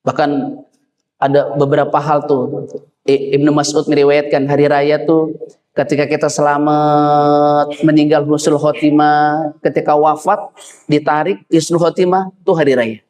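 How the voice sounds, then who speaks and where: Brief: male preacher, animated sermon delivery, slightly high voice, long hall echo. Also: normal speed. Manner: animated, leaps high when quoting and acting out figures.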